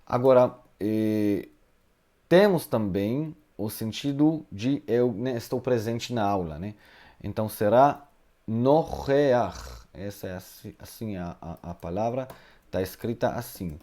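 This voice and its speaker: A man with a lowish, warm voice speaks at an unhurried pace. A native Hebrew speaker, he is teaching a live online Hebrew lesson from home and fielding viewers' questions, often hesitating and tacking on tag questions.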